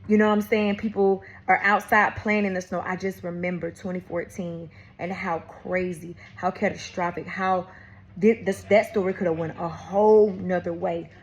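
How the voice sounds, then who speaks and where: Speaking at normal speed in a lowish voice, this Atlanta vlogger tells her faith testimony directly to her audience. She repeatedly addresses them as y'all and baby, telling the story with animation and frequently starting her sentences over.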